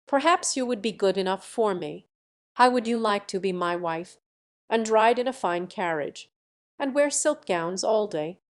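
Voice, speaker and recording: A woman's voice: medium pitch, lively intonation, a little slow, natural voice. A woman reading as an old rich banker. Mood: eager.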